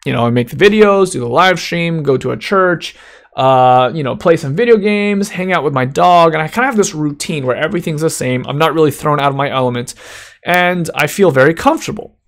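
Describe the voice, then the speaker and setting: A man's voice: a little high, brisk. A man hosting a casual live-stream Q&A from a room at home, talking upbeat and straight to his viewers in the chat. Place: room at home with wall shelving.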